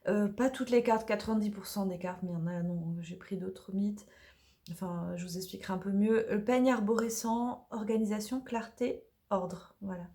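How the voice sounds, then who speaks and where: A woman casually presenting her oracle deck, chatty and hesitant with many fillers, slightly hoarse from allergies. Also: medium pitch, steady tone, moderate pace, mellow. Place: dim room in the evening.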